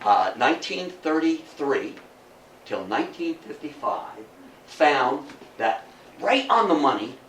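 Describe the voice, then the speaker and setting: Before an audience in an indoor room, an older lecturer chats his way through a folksy history talk full of rhetorical questions. He speaks slowly in a fairly high, slightly bright voice with big pitch swings. A distant mic gives a roomy sound with faint noise.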